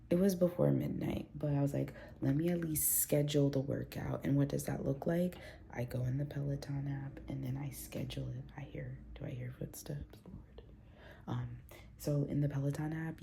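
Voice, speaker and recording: Slight background noise accompanies this casual home vlog, shot on a phone camera. The woman's voice is very low and gravelly with a mellow, dark tone, slightly congested from a recent cold, and she rambles along full of fillers and restarts.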